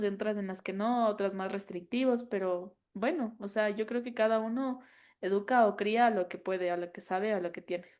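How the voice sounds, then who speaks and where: A woman's voice: medium pitch, darkish tone. A woman, a mother chatting as a podcast guest, telling stories with many fillers and laughs. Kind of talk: casual chat.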